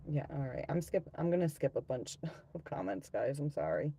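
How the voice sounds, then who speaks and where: A man with a gravelly, smoker-like voice hosting a casual live stream, talking bluntly to viewers and swearing freely. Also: mid-range voice, big pitch swings, normal speed, dark tone, slight background noise. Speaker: live stream host and tarot reader.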